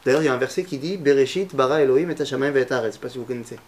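A man's voice: medium pitch, rapid-fire, a little mellow. A man teaching a Torah lesson to a class, asking his students questions and mixing Hebrew terms into his talk.

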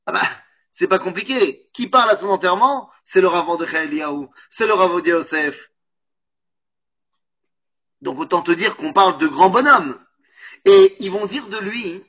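A man with a French accent giving an informal Torah class, animated, often correcting himself and asking and answering his own questions. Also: high voice, husky. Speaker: Torah teacher.

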